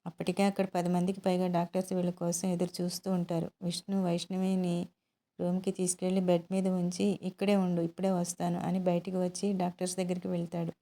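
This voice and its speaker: Even-toned woman storyteller. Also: lowish voice, brisk. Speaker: storyteller host. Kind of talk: narrating a serialized love story.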